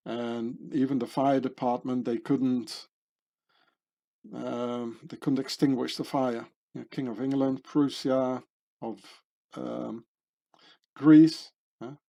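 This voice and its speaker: A man talks unhurriedly through a set of pictures as a channel host. His voice is dark and mellow, and his speech meanders, full of fillers, restarts and tag questions. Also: mid-range voice, fairly even intonation, slow, vocal fry. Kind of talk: rambling monologue over pictures.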